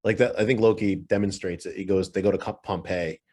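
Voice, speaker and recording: A man with a low voice talks through a podcast episode in loose, easy conversation. He rambles and restarts his sentences as he works out what he wants to say. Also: steady tone, a little fast, warm tone. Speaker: podcast co-host. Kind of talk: casual chat.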